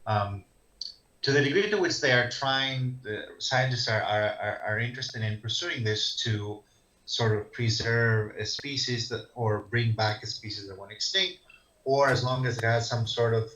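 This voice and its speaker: A man's voice: medium pitch, moderate pace, bright, forceful tone. Hesitant Greek-born man on a call. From Greece. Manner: hesitant, many ums and restarts. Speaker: guest, social psychologist. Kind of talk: video-call interview answers. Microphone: video call. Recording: dull lo-fi call audio.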